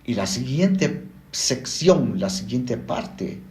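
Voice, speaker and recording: Slow, animated man teaching scripture. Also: medium pitch, roomy sound. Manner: slow, deliberate, explaining word by word. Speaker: Bible teacher. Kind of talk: Bible teaching lecture.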